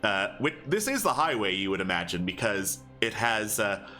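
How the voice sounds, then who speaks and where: A man improvising narration as game master of a tabletop game, in a halting, conversational way. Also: on the low side, sing-song, bright, forceful tone, faint music behind.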